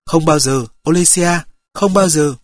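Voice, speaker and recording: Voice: medium pitch, a little slow, dry recording, clean studio sound, lightly acted. A reader doing an earnest young man. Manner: earnest, anxious. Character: anxious young man, devoted lover.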